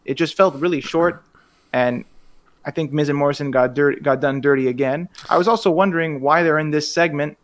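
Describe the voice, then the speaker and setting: Dude co-hosting, quick quips, complains about rushed matches, chill podcast talk. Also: male voice, mid-range voice. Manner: opinionated, chimes in with quips and gripes. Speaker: podcast co-host. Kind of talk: casual wrestling review chat.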